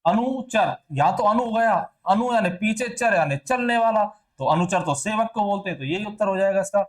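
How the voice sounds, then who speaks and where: Teacher quizzing then answering himself. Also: male voice, high-pitched, animated, moderate pace. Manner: asks questions then answers them himself; repeats sounds and words to demonstrate pronunciation. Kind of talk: exam answer walkthrough lesson.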